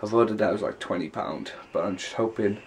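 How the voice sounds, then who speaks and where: Filming himself indoors at home with a handheld camera at arm's length, this young adult vlogger chats casually despite a congested nose and sore throat, his sentences running loosely together. He talks fast in a lowish voice, over slight background noise.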